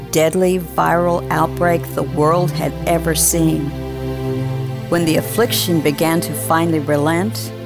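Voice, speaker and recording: A woman acting as a grave, solemn narrator of a fallen world, delivering scripted dramatic narration. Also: lowish voice. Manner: solemn, measured. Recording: loud new-age music behind.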